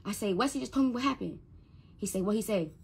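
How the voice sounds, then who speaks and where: A woman's voice: mid-range voice, animated, fast, vocal fry, darkish tone, husky. A young woman telling an emotional personal story to the camera as a mother, stuttering and repeating words when she gets upset.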